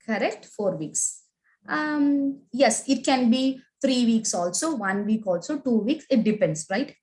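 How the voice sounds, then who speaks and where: A woman's voice: a little high, lively intonation, measured pace, a little mellow, poor audio. A woman with an Indian English accent, teaching a live online class. She asks the class questions, reads their chat answers aloud and keeps adding "right?" and "okay?". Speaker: agile training instructor.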